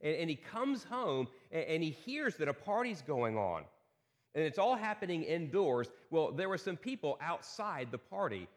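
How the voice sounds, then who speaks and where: A man's voice: on the high side, very animated, moderate pace, long reverb tail. A man preaching a sermon as pastor at a pulpit microphone in a church, earnest and repeating key lines with rhetorical questions. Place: church sanctuary.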